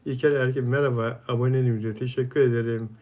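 On a casual live stream, a man reads viewer comments aloud one by one, answering each person by name in a friendly, chatty way. His voice is at an ordinary middle pitch, a little mellow, with fairly even intonation and a quick pace.

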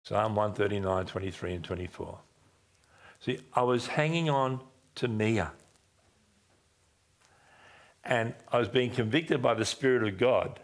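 An older man preaching from a seated position on a dim church stage, speaking through a headset mic. His voice sits fairly low and turns conversational and personal, with animated gestures and a habit of dropping quiet and low to stress a point. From Australia. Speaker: pastor. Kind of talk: seated sermon with personal story.

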